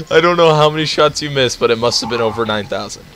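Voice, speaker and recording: A man's voice: medium pitch, a bit bright, a little hiss or hum, poor audio. A young man chatting casually while playing a game with a friend, laughing and teasing a lot. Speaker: gamer. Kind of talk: casual gaming chat.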